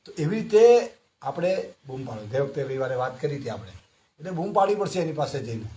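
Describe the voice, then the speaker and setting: A man's voice: medium pitch, big pitch swings, brisk, warm tone, slight background noise. A man giving a devotional scripture class, telling stories and asking his listeners frequent rhetorical questions.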